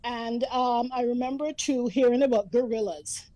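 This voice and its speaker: A woman in her fifties from Antigua, appearing as a guest, reminisces in a chatty storytelling manner, laughing easily during the casual conversation. Her voice is a little high but mellow and dark, with a steady tone and moderate pace. The rough recording is close and dry, with no room sound.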